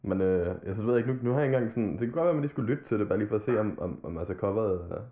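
A man's voice: fairly low pitch, expressive. A man chatting casually on a podcast, rambling loosely and swearing freely. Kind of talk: casual chat about hip-hop. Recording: tinny phone-like line.

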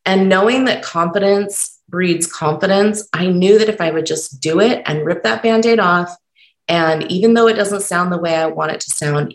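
A woman hosting a solo podcast talks unscripted and encouragingly, stumbling over her words, her voice on the low side and croaky from being sick. The audio is poor and reverberant.

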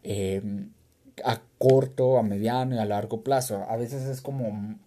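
A man's voice: mid-range voice, dark tone. A man giving an encouraging, conversational motivational talk, often repeating key words for emphasis. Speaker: self-help speaker.

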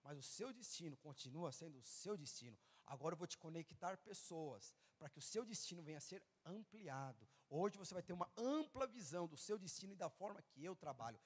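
A male pastor preaching at a youth event. He acts out the dialogue of Bible figures and of his listeners, building to loud, fervent passages. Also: high voice, in a large hall. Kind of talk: sermon. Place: large church hall or event venue.

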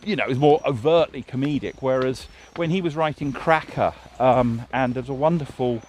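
A man who writes for television drama talks fairly quickly in a mid-range, slightly mellow voice, chatting casually and thoughtfully with many fillers and restarts. He's outdoors next to a road, with faint traffic noise.

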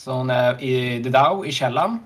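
A man in casual conversation, recapping scenes in a relaxed, unhurried way. He laughs often and pauses on fillers as he thinks. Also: medium pitch. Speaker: podcast co-host.

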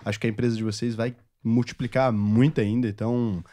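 A Brazilian man hosts a podcast and talks through it in quick, casual bursts. His speech is loose and slangy, with swearing thrown in freely. The sound is dry and close, with no room around it. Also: medium pitch, little pitch movement, dark tone, no echo. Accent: Brazilian Portuguese. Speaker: podcast host.

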